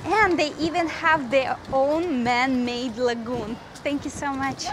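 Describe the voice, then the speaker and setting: Recorded in open air with outdoor noise, this clip features a woman with a high voice speaking at a slow pace. As a travel vlogger and tour guide, she chats cheerfully through a casual walking tour of a resort lagoon, calling attention to things along the way.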